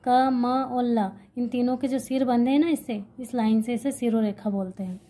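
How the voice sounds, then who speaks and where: A woman's voice: a little high, brisk, warm tone. A woman teaching an exam-prep grammar lesson, explaining while writing and repeating key points, asking questions and answering them herself.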